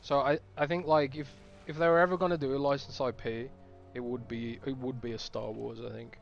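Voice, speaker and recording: A man's voice: medium pitch, little pitch movement, a little fast, gravelly, highs cut off, faint music behind. A man streaming a game, chatting casually and thinking aloud with restarts. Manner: rambling, thinking aloud with fillers.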